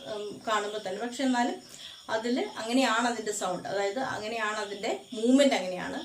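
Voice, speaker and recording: Slow, echoey Malayali woman lecturing. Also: medium pitch, a little hiss or hum. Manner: switches between English and Malayalam mid-sentence, repeats key terms slowly; frequent "uh" and "okay" fillers, self-corrections. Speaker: phonetics lecturer. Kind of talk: recorded lecture.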